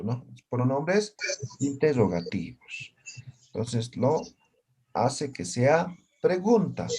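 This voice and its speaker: A man's voice: medium pitch, darkish tone. A man teaching a language class, patiently explaining and often checking in with his students. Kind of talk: classroom lesson.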